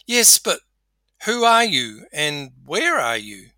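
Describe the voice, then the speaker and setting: A man voicing a panicked man clinging to a cliff branch, yelling and pleading for help. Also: a little high, very animated, very slow, dry recording, voice pushed up, exaggerated voice. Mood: bewildered.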